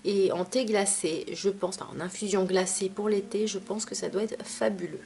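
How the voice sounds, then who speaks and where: A woman's voice: mid-range voice, fairly even intonation, moderate pace, creaky, warm tone, a little hiss or hum. A young adult woman reviewing teas she has finished, chatty, with many fillers and asides. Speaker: tea vlogger. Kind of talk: casual product review.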